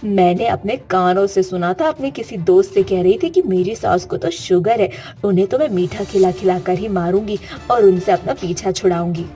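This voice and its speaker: A woman's voice: mid-range voice, normal speed, few pauses, dark tone, faint music behind, natural voice. A woman voicing a domineering older mother-in-law in a cartoon story, who talks in a harsh, scolding way. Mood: scheming.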